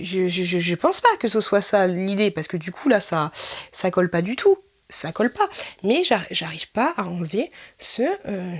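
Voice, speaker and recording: A woman's voice: medium pitch, slightly rough. Woman vlogger, casual product review, chatty and informal, frequent laughs, talks straight to the viewer. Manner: chatty, informal, laughs often, many fillers and repeats; addresses the viewer as tu.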